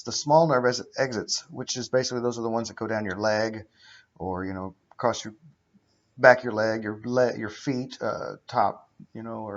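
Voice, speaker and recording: A middle-aged man with a medium-pitched voice recounts his own surgery in a casual, explanatory vlog monologue, speaking haltingly and matter-of-factly into a webcam. He's indoors, in a living room with a high ceiling, and the webcam audio is dull and lo-fi.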